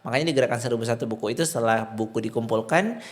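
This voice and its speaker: A man's voice: medium pitch, very fast. A young man from Indonesia, a podcast guest who talks animatedly, slips into English and acts out what children say. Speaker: guest, literacy program founder. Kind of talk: podcast interview.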